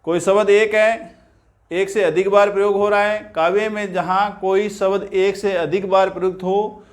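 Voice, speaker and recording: A man teaching a Hindi grammar lesson, asking and answering his own questions and reciting verse lines slowly and distinctly. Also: sits high, little pitch movement. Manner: slow, repeats key terms, asks and answers his own questions. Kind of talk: grammar lesson on figures of speech.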